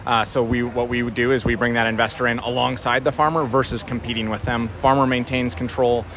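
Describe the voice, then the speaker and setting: Male company rep, North Dakota accent, rapid explanatory interview delivery, busy crowd and vehicle noise outdoors. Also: mid-range voice, little pitch movement. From North Dakota, USA. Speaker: company representative being interviewed. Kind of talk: conversational pitch in an interview. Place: outdoors at a busy farm trade show.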